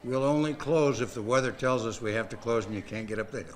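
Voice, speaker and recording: A man's voice: mid-range voice, fast. A man, a restaurant representative explaining the place in a plain, informative way. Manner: plain, informative, matter-of-fact. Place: outdoors at a ranch restaurant.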